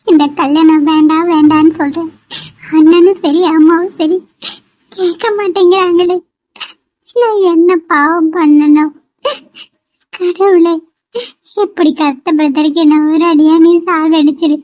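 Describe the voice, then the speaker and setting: A woman's voice: very high voice, steady tone, a little slow, long pauses, darkish tone. A woman voicing a troubled young woman in a dubbed cartoon, who is facing an unwanted marriage and speaks in a flustered, pleading way. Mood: despairing. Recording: dull lo-fi recording.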